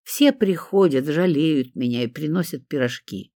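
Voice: medium pitch, lively intonation, moderate pace, warm tone, no echo, studio quality, lightly acted. A reader voicing an imperious, sardonic elderly woman with a well-trained commanding voice. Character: imperious sharp-tongued elderly woman patient.

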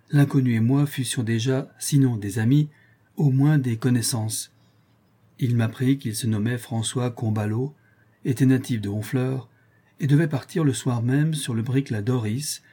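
Man reading an old sea memoir aloud, dark mellow tone, steady. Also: mid-range voice, breathy edge. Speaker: audiobook narrator. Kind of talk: literary audiobook narration.

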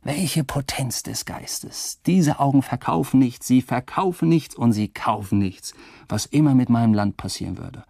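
An actor in a radio drama speaking a wry, rambling, drunkenly philosophical first-person monologue in a gravelly, husky voice. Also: male voice, medium pitch, moderate pace, dark tone, no echo, studio quality. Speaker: narrator and protagonist.

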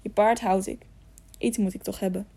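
A gruff, commanding robber chief from a storybook, barking orders in a warm, mellow voice, as a woman reads him aloud. He sounds stern and harsh, used to being obeyed. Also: medium pitch, fairly even intonation, moderate pace, natural voice. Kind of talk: audiobook reading.

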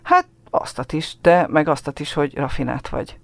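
A man's voice: on the high side, vocal fry, a bit bright, dry recording. A man reading a story aloud, voicing a shy, tearful little village boy who talks earnestly in a dialect-tinged, childlike way. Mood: eager. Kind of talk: literary reading.

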